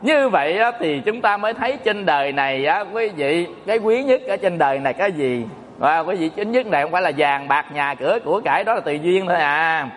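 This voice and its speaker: Male monk, folksy joking sermon, high voice, long hall reverb. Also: expressive, brisk, few pauses, fairly bright tone, slight background noise. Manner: folksy, joking, addresses audience often. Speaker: Buddhist monk teacher. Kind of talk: Dharma talk sermon.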